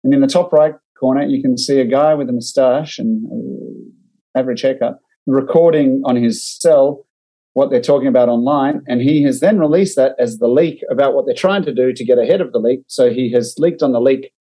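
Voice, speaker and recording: Over a remote call, an Australian man co-hosts a casual podcast on marketing, reading out clips and critiquing them with wry, dry humor; he's also a digital marketer. His voice is medium-pitched, mellow and at normal speed, captured in a low-quality recording.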